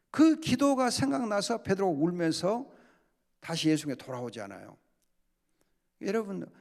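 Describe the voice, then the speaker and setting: Animated gravelly Korean pastor teaching. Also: male voice, high voice. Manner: lively, acts out quoted complaints and prayers. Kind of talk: Bible study sermon.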